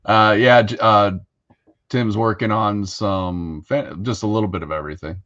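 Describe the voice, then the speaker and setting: Low-voiced man in casual hobby chat. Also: normal speed, highs cut off. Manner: relaxed, rambling with frequent fillers. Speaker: co-host.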